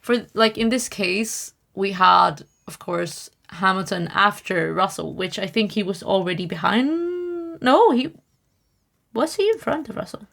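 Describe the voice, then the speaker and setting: A woman's voice: mid-range voice, animated, measured pace, creaky, fairly bright tone. A young woman co-hosting a casual podcast, chatty and wry, full of fillers and restarts. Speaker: podcast co-host. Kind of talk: casual chat.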